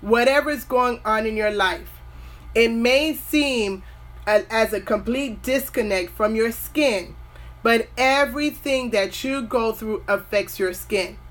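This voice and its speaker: A woman's voice: fairly high pitch, unhurried, a bit bright. Earnest motivational woman in her forties. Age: 40s. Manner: earnest, motivational, wanders off topic with restarts. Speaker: skincare host. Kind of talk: casual talking-to-camera advice.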